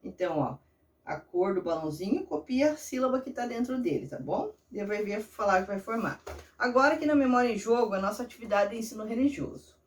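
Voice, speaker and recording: Brazilian woman teacher, patient and encouraging with kids, mid-pitched, a little distant from the mic. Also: expressive, fast talker. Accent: Brazilian Portuguese. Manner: patient, encouraging, explains step by step to children. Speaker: primary school teacher. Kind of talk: remote lesson walkthrough of a workbook.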